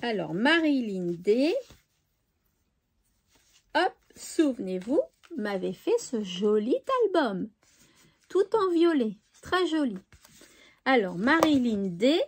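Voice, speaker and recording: A woman's voice: a little high, sing-song, slow, long pauses, breathy edge. A woman chatting cheerfully to viewers on her crafting channel, with little "hop" sounds as she sorts things. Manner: chatty, cheerful, says "hop" while sorting. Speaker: scrapbooking YouTuber. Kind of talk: casual vlog chat.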